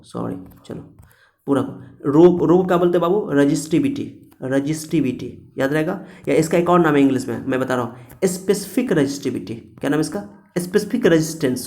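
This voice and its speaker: A man's voice: a little high, warm tone. A man teaching a physics lecture to students, repeating key points and asking and answering his own questions. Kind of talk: classroom-style lecture to students.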